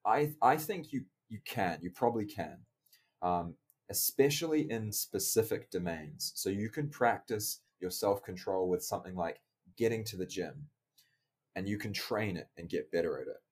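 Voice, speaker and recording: Deep-voiced man explaining research. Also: expressive, husky. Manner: measured, careful, hedging. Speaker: podcast guest, researcher and online coach. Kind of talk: explanatory interview talk.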